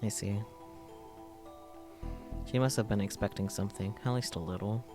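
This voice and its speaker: Man, low voice, reading visual novel aloud with asides; game music clearly behind. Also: normal speed. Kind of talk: live read-aloud of translated game script with asides. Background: game music and Japanese voice acting.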